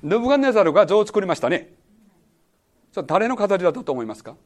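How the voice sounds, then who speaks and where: High, lively-voiced man leading a Bible lesson. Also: quick pace. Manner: quizzes the audience, repeats key words. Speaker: pastor teaching a Bible study. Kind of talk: sermon-style Bible lesson.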